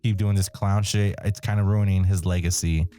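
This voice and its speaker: A man's voice: deep voice, little pitch movement, normal speed, warm tone. A young man hosting a casual podcast chat, laughing often and swearing freely in a loose, joking way. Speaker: podcast host.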